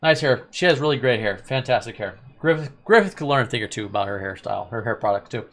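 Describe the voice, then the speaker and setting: A man's voice: mid-range voice, lively intonation, quick pace, fairly bright tone. A man hosting a casual anime review chat, rambling and opinionated with a sarcastic edge. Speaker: host of an anime review channel.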